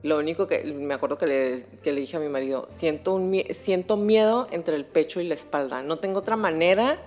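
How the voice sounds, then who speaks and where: A young woman with a Mexican accent telling a personal story on a podcast in a casual, animated way, full of slang and swearing. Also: sits low, brisk, soft background music. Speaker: podcast host.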